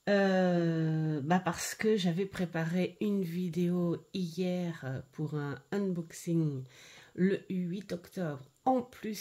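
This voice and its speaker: A middle-aged woman chatting casually at home as she reviews an oracle card deck, pausing often with fillers and restarts. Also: on the low side, dark tone. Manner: hesitant, full of "euh" fillers and restarts. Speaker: tarot and oracle card vlogger. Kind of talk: casual unboxing and review chat.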